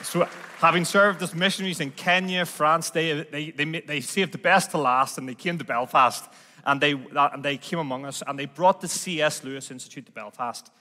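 A man's voice: on the high side, moderate pace, bright, forceful tone, a faint crowd. A man with a Northern Irish accent addressing a church congregation as a visiting ministry leader. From Northern Ireland. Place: large indoor church, speaking from a stage. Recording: church hall with long reverb.

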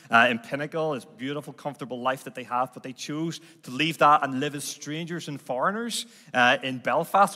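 A man's voice: medium pitch, pushed and bright. A man with a Northern Irish accent addressing a church congregation as a visiting ministry leader. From Northern Ireland. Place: large indoor church, speaking from a stage. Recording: church hall with long reverb.

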